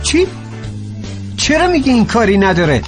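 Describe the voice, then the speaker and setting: A man voicing an earnest teenage boy student in a dubbed drama who quickly takes offense. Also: very high-pitched, sing-song, soft background music. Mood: indignant.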